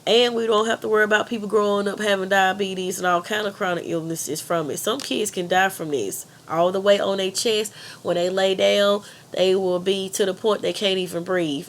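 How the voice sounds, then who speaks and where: A woman's voice: mid-range voice, steady tone, moderate pace, a little hiss or hum. A woman with a country accent and a congested, pinched-nose nasal sound from being sick, earnestly giving an informal persuasive presentation. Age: adult.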